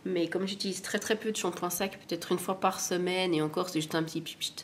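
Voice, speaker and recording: A woman with a cold, her voice sitting on the low side, talks casually and at length. She rambles and laughs at her own clumsiness. A faint hiss of background noise runs under her voice. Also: steady tone, a little fast. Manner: chatty, rambling, self-deprecating. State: has a cold. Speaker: beauty vlogger. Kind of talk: casual product review chat.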